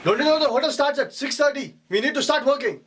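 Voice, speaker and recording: A man's voice: very high voice, animated, quick pace, fairly bright tone, a little hiss or hum. An actor playing a harsh, bullying father, barking orders with contempt. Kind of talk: low-budget short film acting.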